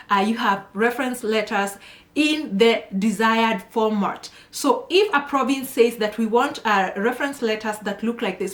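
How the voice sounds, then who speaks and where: A woman's voice: medium pitch, reverberant. A woman immigration consultant giving direct, scolding advice in a vlog.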